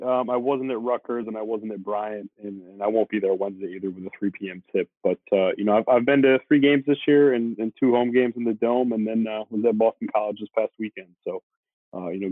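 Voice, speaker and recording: A man's voice: lowish voice, fairly even intonation, fast talker, dry recording. An easygoing man from the Syracuse area chats as a sports reporter guest, filling his sentences with hedges. His voice comes through a narrow, tinny phone line. The sound is dry and close, with no room around it. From Syracuse, New York area, USA. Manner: easygoing, talks it through with many hedging fillers. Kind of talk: casual podcast chat.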